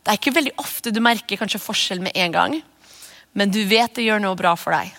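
A woman pastor in her thirties preaches in an earnest, conversational way, slipping into spoken prayers. Her voice sits at a middle pitch. A long church reverb trails after her words. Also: a bit bright. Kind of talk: sermon. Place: church hall.

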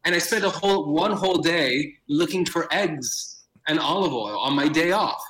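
A middle-aged man from Miami, United States, a theater director, talks casually as a podcast interview guest, often restarting, leaning on fillers, and slipping in Spanish. His voice is fairly high and fairly bright at normal speed, and the recording is low quality.

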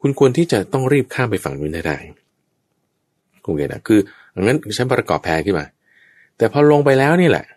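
Lively-voiced man teaching Buddhist Dharma. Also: medium pitch, brisk, pauses often, no room sound. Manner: explains patiently, checks understanding with the listener.

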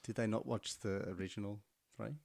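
A man with a very low voice, recorded dry and close with no room sound. He chats casually as a co-host. He often chimes in with quick agreements. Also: steady tone, vocal fry, a little mellow, dry recording. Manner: agreeable, short affirmations. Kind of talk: casual chat.

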